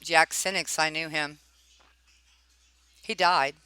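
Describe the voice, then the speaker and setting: Bright, clear voice reading records pointedly. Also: medium pitch, fairly even intonation, slow pace, dry recording. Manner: pointed, questioning, with frequent check-in tags. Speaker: narrator reviewing property records. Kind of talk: informal spoken commentary while reading documents aloud.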